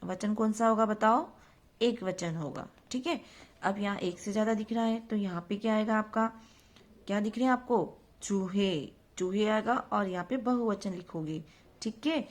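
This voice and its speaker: A woman's voice: medium pitch, normal speed. A woman school teacher, giving a recorded grammar lesson to young children. She talks patiently and repeats herself, asks questions and answers them herself, and mixes English words into her speech.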